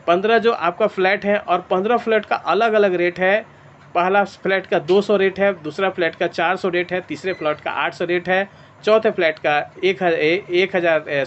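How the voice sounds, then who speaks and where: A man's voice: high-pitched, fairly bright tone. A man presenting a money plan in an online meeting, walking through the figures step by step and calling the audience dear friends. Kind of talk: sales presentation over a video meeting. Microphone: clip-on mic. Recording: dull lo-fi call audio with faint noise.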